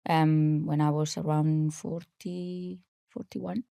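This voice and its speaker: A woman in her forties who grew up in Spain speaks with a Spanish accent in a low, slow, flat voice with vocal fry and a warm tone. She's a health coach appearing as a podcast guest, chatting casually and hesitantly with lots of fillers in an interview. The recording is studio quality with no room sound.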